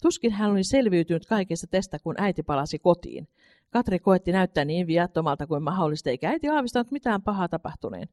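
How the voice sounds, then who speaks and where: A woman's voice: lowish voice, expressive, darkish tone. A woman reading a children's story aloud, unpolished, stumbling now and then and correcting herself. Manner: unpolished reading with slips and restarts.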